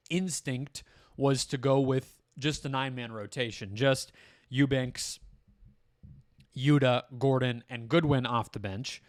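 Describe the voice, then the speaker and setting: A man's voice: mid-range voice, no room sound, studio quality. A young man hosting a basketball podcast, talking casually and self-deprecatingly with frequent fillers and restarts. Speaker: podcast host covering a basketball team. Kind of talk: casual solo podcast commentary.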